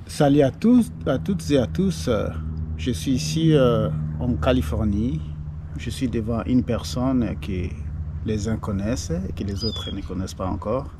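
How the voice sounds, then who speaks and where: A man's voice: mid-range voice, animated, a little slow, background noise. A man interviewing a guest, speaking with frequent hesitations and fillers. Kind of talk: casual interview.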